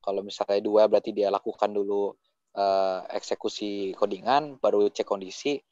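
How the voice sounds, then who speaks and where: A man's voice: fairly low pitch, steady tone, normal speed, darkish tone, no room sound. A young man teaching assistant casually adding tips and inviting questions in an online coding tutorial. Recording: dry, dull lo-fi mic.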